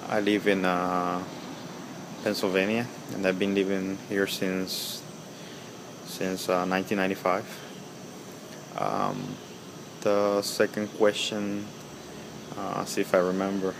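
Speaking with a completely flat delivery, a thirty-something pipe-smoking vlogger from El Salvador records a casual video response outdoors by a house, close to his webcam. He talks slowly in a low voice, pausing a lot and filling silences with ums and uhs, as air conditioner hum and outdoor noise stay clearly audible.

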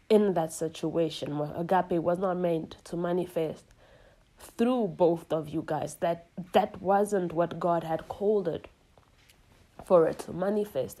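A woman's voice: lowish voice, mellow. A woman giving an earnest devotional teaching, repeating her phrases and checking in with her listeners. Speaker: online preacher.

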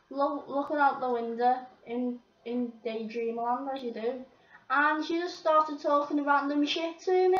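High-voiced teenage girl ranting. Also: recorded from a distance. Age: teens. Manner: swearing, exasperated complaining. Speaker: vlogger. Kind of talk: ranting to camera. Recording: roomy, off-mic, dull lo-fi sound.

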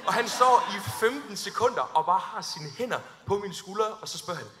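A young man preaching to an audience in a big hall, his voice high and bright, with a long echo trailing after each phrase. He tells funny stories about himself and acts out his awkward moments before turning earnest. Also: lively intonation. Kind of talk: sermon with humorous stories.

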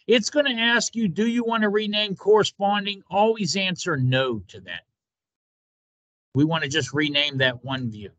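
A man in his fifties, an instructor talking through a screen-recorded software tutorial in an informal step-by-step way, sitting at a desk in a small room. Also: high voice, moderate pace, dry recording.

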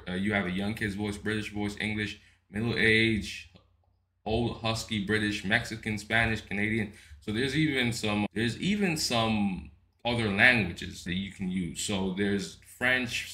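A man's voice: lowish voice, bright, forceful tone. A man hosting a casual tech tutorial, walking through a program step by step with chatty "right?" tags and frequent restarts. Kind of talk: casual screen-recorded software walkthrough.

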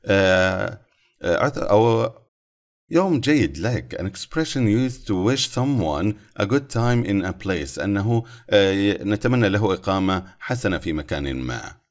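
Male teacher with lively low voice. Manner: reads English phrases slowly then explains in Arabic quickly. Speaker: English teacher. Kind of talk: recorded textbook lesson.

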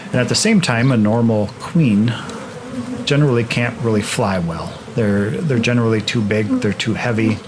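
A man explaining swarming while working his beehives in a grassy yard, in a relaxed manner with frequent restarts. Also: mid-range voice, normal speed, noisy background. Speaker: beekeeper, channel host. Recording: outdoor recording with insect buzz behind.

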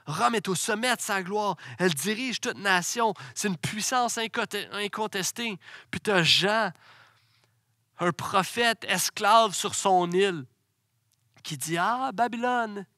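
Pastor preaching, high bright voice, emphatic, storytelling, dry sound. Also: male voice, slow, no room sound. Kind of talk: sermon.

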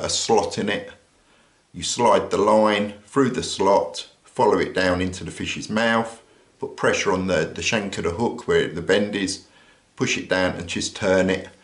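An overhead camera watches the hands of an older British man, himself off frame, as he talks through a survival kit at an indoor table. His voice sits low in an echoey room, and his easygoing explanation is dotted with "uh" pauses.

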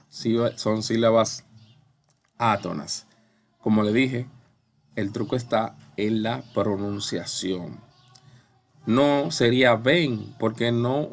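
A man teaching at a slow, unhurried pace. His voice has a gravelly edge, and he talks patiently, repeating key points and posing questions before answering them himself. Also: mid-range voice. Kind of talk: slow classroom explanation.

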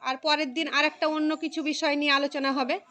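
A woman teaching a room of young pupils in a very high, bright voice. She calls on each child by name, patiently repeats the key phrases and encourages every answer. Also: flat delivery, brisk. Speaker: primary school teacher. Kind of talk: classroom lesson.

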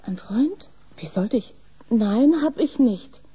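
An actress playing a shy, flustered young nurse, hesitant and polite, with a soft breathy voice in a German horror radio play. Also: female voice, a little high, lively intonation, slow, highs cut off, full character voice. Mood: nervous.

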